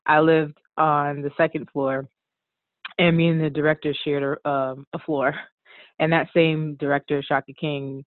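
A woman's voice: low voice, dry recording. Woman guest, DC-area native, casual and talkative, heard over a thin dry phone-quality line. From Washington DC area, USA. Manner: relaxed, chatty, frequent "like" and "um", laughs often. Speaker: guest, costume designer. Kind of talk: casual conversational interview.

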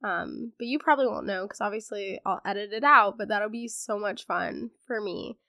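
A teenage girl hosts a podcast in a clean studio recording with no echo, sounding congested as she gets over laryngitis. She chats casually with a sarcastic streak and lots of fillers, in a medium-pitched, pushed, bright voice with vocal fry at a moderate pace.

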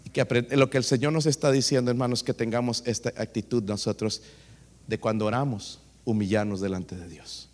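A man preaching a sermon as pastor, telling a story with lively energy and repeatedly calling his listeners brothers. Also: medium pitch, a little fast, in a large hall. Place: church sanctuary.

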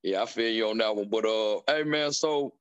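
A man's voice: fairly low pitch, normal speed, clean tone, dry recording, muffled recording. A man hosting a podcast, asking questions and joking around in casual slang. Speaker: podcast host, comedian.

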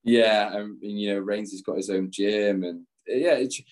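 Low-voiced rambling English man. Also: a little slow, a little mellow. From England. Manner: rambling, laughs often, self-deprecating. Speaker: interview guest, former footballer. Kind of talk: casual chat.

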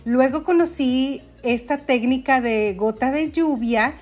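A woman's voice: high-pitched, unhurried, a little mellow. A woman with a Mexican accent, a podcast guest telling her story in casual, chatty conversation. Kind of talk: casual chat.

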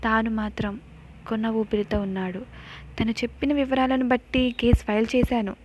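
A woman voicing a calm male police officer who questions and reassures a victim in a told story. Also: fairly high pitch, normal speed, husky. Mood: reassuring. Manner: reassuring, firm.

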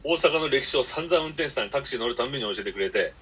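A man's voice: medium pitch, expressive, very fast, a bit bright, a little hiss or hum. A man hosting a podcast, telling long rambling stories in blunt casual chat. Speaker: podcast host.

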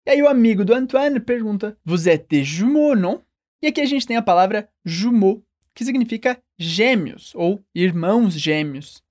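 Brazilian woman teaching French phrases slowly. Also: mid-range voice, animated, a little mellow. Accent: Brazilian Portuguese. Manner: slow, carefully enunciated model phrases. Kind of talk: language lesson with repeat-after-me drills.

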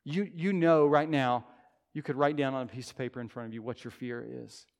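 A man in his thirties preaching a sermon as pastor, earnest and conversational, rising to loud emphatic peaks. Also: mid-range voice, fairly even intonation, brisk. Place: church sanctuary. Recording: long church-hall reverb.

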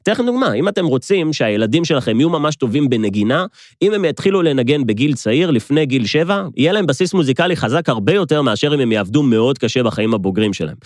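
A man's voice: mid-range voice, sing-song, no echo, clean studio sound. A man with an Israeli accent hosting a motivational podcast monologue, speaking emphatically and straight to listeners with rhetorical repetition. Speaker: podcast host.

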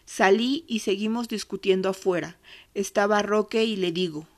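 A woman with an Argentine accent voicing a grown daughter remembering her brother's death in a quiet, low voice. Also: normal speed, natural voice. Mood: sorrowful.

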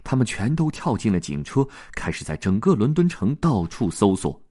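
A man reading a children's story aloud, with lively, expressive narration. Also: lowish voice, normal speed.

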